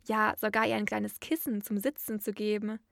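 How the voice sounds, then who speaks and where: A woman narrating a fairy tale in a steady storytelling manner. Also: medium pitch, normal speed, vocal fry, no room sound, studio quality.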